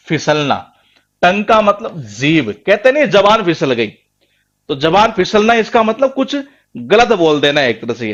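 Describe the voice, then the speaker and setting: Man, Rajasthani Hindi accent, coaching-class lecturer, repeats words and quizzes the class himself, slightly high voice, muffled lo-fi recording. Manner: rhetorical questions, answers them himself. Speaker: English teacher for exam prep.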